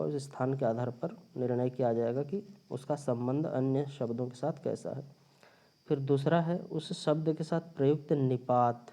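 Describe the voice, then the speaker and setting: A man with a mellow, mid-range voice teaches a grammar lesson, walking through it step by step and repeating his points. It's a recorded linguistics lecture captured on a phone or screen recorder.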